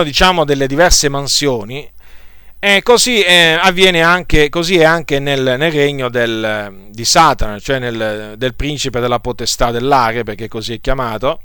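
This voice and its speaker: A man teaching a sermon to his listeners, pausing often with filler sounds and restarting his sentences. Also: medium pitch, pushed and bright, clear, resonant tone, no echo, studio quality. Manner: hesitant, halting, many filler sounds and restarts; addresses listeners directly. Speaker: preacher. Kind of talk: teaching sermon with scripture reading.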